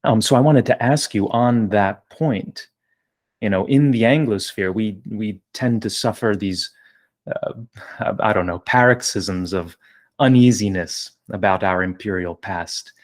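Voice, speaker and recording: A man's voice: on the low side, unhurried. A man from New Jersey hosting an interview podcast, asking long winding questions with many fillers. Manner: discursive, wordy, many fillers. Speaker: podcast host.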